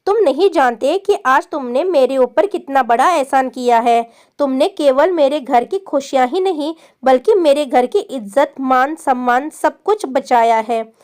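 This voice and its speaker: A woman speaks as a grateful, emotional older father in a narrated tale. His thanks come out heartfelt, and the voice stays high. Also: expressive, measured pace, a little mellow.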